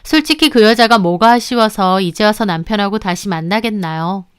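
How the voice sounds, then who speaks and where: A woman's voice: mid-range voice, moderate pace, clean tone, no echo, studio quality. Indignant woman narrating her story. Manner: indignant, matter-of-fact storytelling. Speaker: narrator of a reader-submitted story. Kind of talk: scripted first-person story narration.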